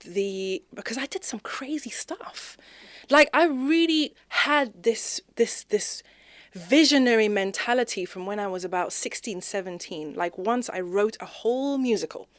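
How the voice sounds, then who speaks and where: In a conversational podcast interview, a guest from Zimbabwe, a woman, speaks expressively at a measured pace. Her delivery speeds up and goes higher when she's animated, and there's no echo.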